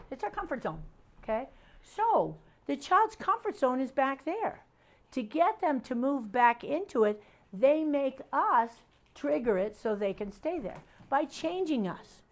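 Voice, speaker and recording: Older lady teaching a parenting class, storytelling, does little voices, pitch all over. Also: measured pace. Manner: lively storyteller, acts out voices. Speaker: parenting trainer. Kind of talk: animated training talk to parents.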